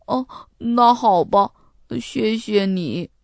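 A woman reading a storybook aloud and voicing an anxious young boy who pleads and hesitates with drawn-out fillers. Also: medium pitch, creaky, a little mellow, no room sound, clean studio sound. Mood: worried. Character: young schoolboy, anxious and sheepish.

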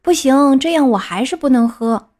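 A woman's voice: sits high, animated, moderate pace, darkish tone, pitched above the performer's own voice. A woman voicing a stubborn, whining wooden puppet boy who refuses his medicine. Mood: whiny stubborn. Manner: whining, bargaining.

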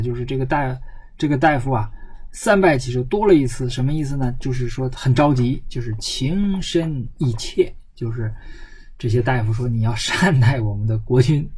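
A man lecturing on a classical text. He reads it slowly, then explains it in plain words, asking himself questions and answering them. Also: mid-range voice, a little mellow, husky, low-quality recording. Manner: asks himself questions and answers them, with many drawn-out filler particles. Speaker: lecturer on classical Chinese history.

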